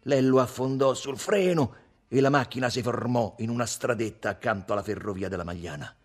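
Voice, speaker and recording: A man reading a novel aloud in a steady, expressive storytelling voice. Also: mid-range voice, fairly quick. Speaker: narrator.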